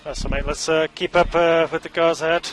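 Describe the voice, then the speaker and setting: A man's voice: a little high, little pitch movement, quick pace, faint music behind. A man working as a race engineer, giving procedural, matey instructions to his driver over race car team radio. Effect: team radio transmission.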